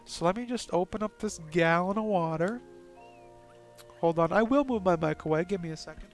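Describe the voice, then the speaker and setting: A man's voice: high-pitched, a little fast, faint music behind. A man hosting a let's play with casual, joking commentary and a stuffy nose, reading game dialogue aloud.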